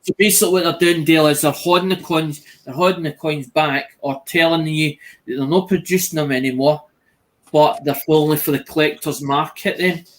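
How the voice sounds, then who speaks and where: Quick-talking man joking in casual chat. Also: fairly high pitch, fairly even intonation.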